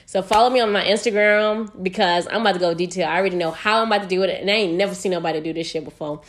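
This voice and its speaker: A young American woman with a mid-range voice hosts a casual solo podcast, speaking very fast. She talks frankly and energetically, with plenty of profanity.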